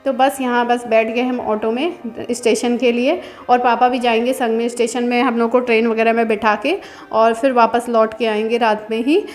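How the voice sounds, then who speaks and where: A woman's voice: a little high, level tone, normal speed, darkish tone, faint music behind. A woman in her thirties, a home vlogger chatting through a casual voice-over, explaining each step in a homely way.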